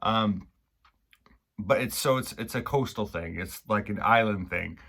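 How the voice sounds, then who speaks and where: A man from Maine with a Maine accent, casually explaining local slang in a halting, rambling way, repeating and restarting phrases. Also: fairly low pitch, gravelly, bright, forceful tone. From Maine, United States. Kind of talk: casual unscripted explainer chat.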